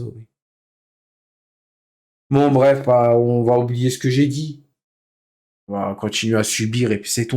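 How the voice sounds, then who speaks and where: A man live streaming in casual chat, venting with heavy swearing and breaking into nervous laughter as he reacts to comments. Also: darkish tone. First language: French. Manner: bursts into nervous, high-pitched laughter.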